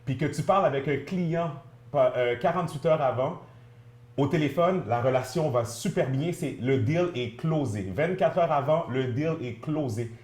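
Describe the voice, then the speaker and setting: A man's voice: fairly high pitch, normal speed, a little mellow. A man in a casual panel discussion, talking in a thoughtful, rambling way with many fillers. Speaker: panel guest. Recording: echoey room.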